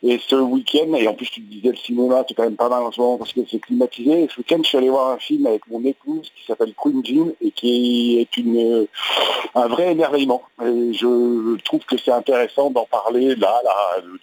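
A man calling in to a radio show over a phone line, talking casually and haltingly, often repeating words as he looks for the phrase. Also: medium pitch, a little mellow. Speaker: caller and occasional host on the station. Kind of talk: casual radio call-in chat.

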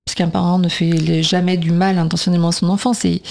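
A woman's voice: on the low side, fairly quick, gravelly. Earnest talkative woman radio guest. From Portugal. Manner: talkative, earnest, quotes others in lively voices. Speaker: nursery school teacher and parent guest. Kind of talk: radio talk show interview.

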